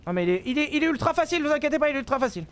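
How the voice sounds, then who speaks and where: Excitable high-voiced man streaming a game. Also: rapid-fire, slight background noise. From France. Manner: excitable, joking, swearing, talks to chat. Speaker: streamer playing a video game. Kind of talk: live game commentary.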